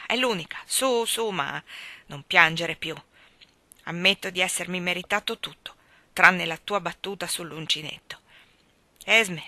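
A woman reading aloud voices an old man in his sixties who shouts his indignation. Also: mid-range voice, dry recording. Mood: gruff, conciliatory. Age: 60s. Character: angry old man, bushy brows, bad-tempered.

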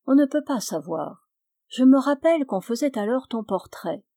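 A woman with a French accent reading a literary novel aloud as an audiobook, in a measured, calm storytelling manner. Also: high voice, dry recording, studio quality. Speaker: audiobook reader.

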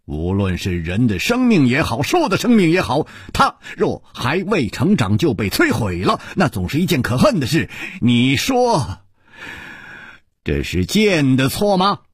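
A man voicing a calm, wise male hero who speaks in a measured, reflective way. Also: medium pitch, husky, dry recording, clean studio sound, pitched above the performer's own voice, exaggerated voice.

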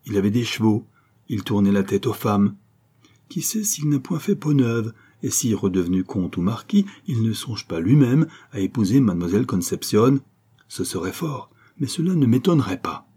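A man voicing a cunning, gruff male bandit who broods and schemes, with sharp outbursts. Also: fairly low pitch, animated, moderate pace. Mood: brooding.

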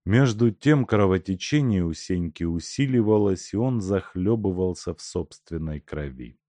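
A man narrating an audiobook in a steady, even storytelling manner. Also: low-pitched, normal speed, no echo. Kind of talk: scripted narration.

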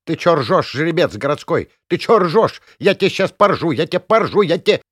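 A man voicing a loud, bossy middle-aged village woman who shrieks coarse abuse in an audiobook. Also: on the high side, big pitch swings, moderate pace, no room sound, clean studio sound, pitched above the performer's own voice. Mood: yelling, mocking. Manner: shrieking, abusive, coarse peasant speech. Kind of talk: audiobook character voice.

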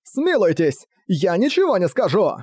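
A man's voice: a little high, sing-song, slow, dry recording, clean studio sound, heavily acted. A man voicing a cowardly male diplomat who stammers and begs for mercy. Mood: pleading. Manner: stammering, pleading. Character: cowardly male diplomat begging for his life.

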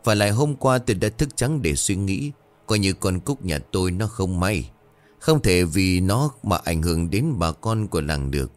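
A man's voice: low-pitched, animated, normal speed, faint music behind. A man voicing a desperate village chief father. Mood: weary.

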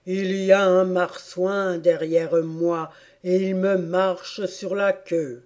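A woman reading an audiobook voices a weepy, sentimental sea-turtle creature with a drawn-out, plaintive delivery. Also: fairly low pitch, little pitch movement, darkish tone. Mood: sing-song lament.

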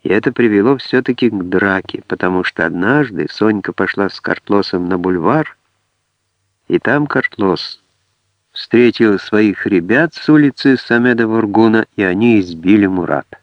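A man reading an audiobook in a measured storytelling manner. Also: fairly low pitch, lively intonation, no echo. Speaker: audiobook narrator. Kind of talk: scripted narration. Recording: dry, dull lo-fi audiobook.

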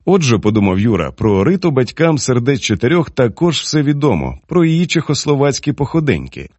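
A man narrating a novel in an audiobook, lively and expressive. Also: no room sound, highs cut off. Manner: animated storytelling, shifts pitch for characters. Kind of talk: scripted narration.

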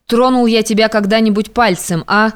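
A woman's voice: fairly high pitch, steady tone, normal speed, smooth, close to an everyday voice. A woman reading an audiobook, voicing a stern, domineering young man who speaks harshly and commandingly.

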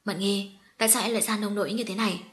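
A woman's voice: medium pitch, fairly even intonation, very fast, close to an everyday voice. A woman reading the lines of a young man who is shocked and frightened for the woman he loves. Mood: stunned. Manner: alarmed, crying out. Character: young man, startled and distraught lover.

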